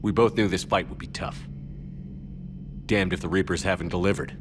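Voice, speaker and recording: A man playing a steady, resolute military commander in a video game, firm and plain-spoken. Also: moderate pace, music in the background, close to an everyday voice. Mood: grave, resolute. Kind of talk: video game character dialogue. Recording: clear rumbling noise behind game dialogue.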